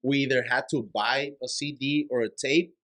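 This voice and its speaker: A man's voice: mid-range voice, moderate pace. A man co-hosting a podcast in casual chat, telling stories and acting out little scenes. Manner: animated storyteller, acts out little scenes. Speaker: podcast co-host.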